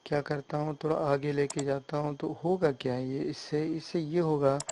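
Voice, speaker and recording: A man talks through a software tutorial on his computer. His voice sits on the higher side and stays flat and even as he explains each step, often stopping to make sure the listener is following. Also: slight background noise. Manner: hesitant fillers and restarts while working on screen. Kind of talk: screen-recorded software tutorial.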